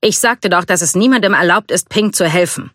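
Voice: mid-range voice, normal speed, fairly bright tone, dry recording, studio quality, lightly acted. A reader voicing a stern, disapproving older male officer in a storybook read-aloud, curt and scolding. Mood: angry.

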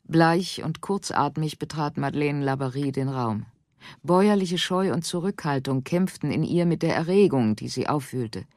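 An audiobook narrator reading a story in a calm, measured way. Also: medium pitch, no room sound, clean studio sound. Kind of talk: scripted narration.

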